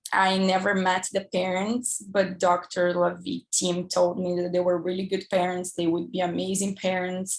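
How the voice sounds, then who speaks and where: A young woman with a Brazilian accent, an egg donor speaking earnestly on a panel in slightly halting English. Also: medium pitch, gravelly. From southern Brazil. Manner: earnest, slightly halting, non-native phrasing. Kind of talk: personal account on a panel.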